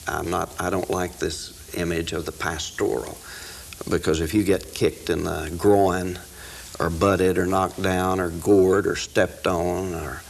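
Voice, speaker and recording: A man from the United States speaking as an interview guest in a deliberate, folksy storytelling way. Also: deep voice, flat delivery, gravelly, slight background noise. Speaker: interview guest, cowboy poetry expert. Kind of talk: informal interview talk with recited verse.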